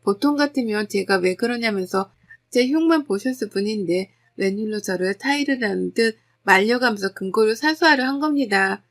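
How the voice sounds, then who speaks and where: Lady reading out a personal story, calm even polite tone, mid pitch. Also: moderate pace. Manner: steady, polite storytelling read. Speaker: narrator. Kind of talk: scripted first-person story narration.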